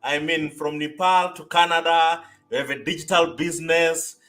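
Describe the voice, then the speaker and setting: A man's voice: fairly high pitch, fairly even intonation, normal speed, sharp tone. A man hosting a casual interview over a video call, rambling with a lot of "you know" and repeated "wow". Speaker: host.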